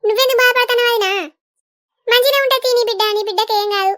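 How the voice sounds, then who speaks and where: A cartoon grandmother, played by a woman, fretting over her family. The voice is very high, fast and bright, with a plaintive pull to it. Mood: sorrowful. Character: worried grandmother, soft-spoken village woman. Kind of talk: animated village comedy voice acting.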